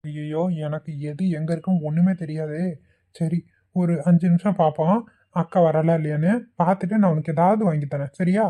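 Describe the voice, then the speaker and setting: A woman's voice: sits low, steady tone, fairly quick, dark tone. Fretful kindly old man. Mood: flustered. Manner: fretful, flustered. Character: kindly elderly man minding children. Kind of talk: cartoon voice acting.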